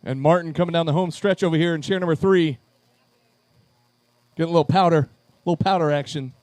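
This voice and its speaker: Upbeat high-voiced male event emcee. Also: brisk, a little mellow, dry recording. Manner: upbeat, calling names to chairs. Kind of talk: live event announcing. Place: charity event at a pub.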